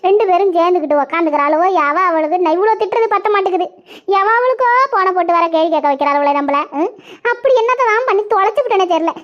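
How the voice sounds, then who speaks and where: Brief: woman playing a cartoon wife, lamenting in a sing-song wail, shrill and high, dull lo-fi sound. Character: nagged married village woman wailing about in-laws. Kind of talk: cartoon voice acting. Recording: muffled lo-fi recording.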